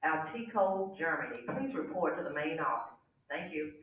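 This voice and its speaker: A man making a polite, matter-of-fact announcement over a school intercom loudspeaker, heard in a classroom. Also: on the high side, sing-song, moderate pace. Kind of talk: formal public announcement. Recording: echoey, tinny intercom from far off in a noisy classroom.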